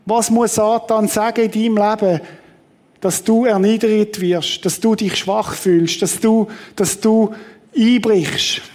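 Man preaching, high and animated. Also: slow pace. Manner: animated preaching, acts out quoted voices, restarts mid-sentence. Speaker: pastor. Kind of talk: sermon.

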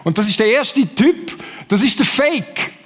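A man's voice: extremely high pitch, animated, a little slow, breathy edge, long reverb tail. A man with a Swiss German accent preaching a sermon, who acts out fake enthusiasm in playful voices. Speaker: pastor.

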